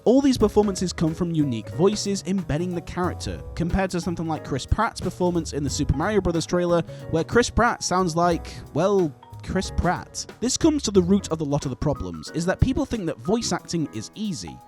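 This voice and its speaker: High-pitched, lively man narrating. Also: brisk, faint music behind. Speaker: video essay narrator. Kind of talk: scripted narration.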